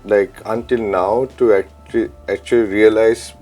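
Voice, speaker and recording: A man in his thirties from Sri Lanka, a chef and DJ, answering interview questions in a relaxed, reflective way with many ums and uhs, on a lapel mic in a studio. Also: lowish voice, a little slow, soft background music. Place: studio set with pink backdrop.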